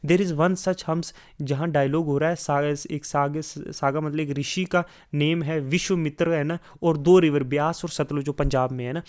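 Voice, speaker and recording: A man's voice: on the high side, steady tone, normal speed, few pauses, a little mellow. A man explaining a history chapter casually to students, often switching between languages and repeating fillers. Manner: mixes English phrases into explanation, repeats filler "theek hai". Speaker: teacher.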